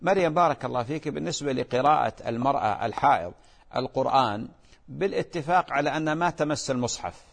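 A man's voice: medium pitch, animated, quick pace, gravelly, long reverb tail. A man, a religious scholar patiently answering callers' questions on a call-in show. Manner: patient, reassuring, explanatory.

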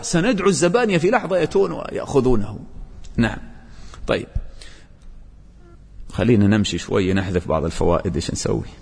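Husky man teaching in an echoey hall. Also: fairly high pitch, a little mellow. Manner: quizzes students, recites verses slowly. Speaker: Quran teacher. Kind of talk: tafsir and grammar lesson.

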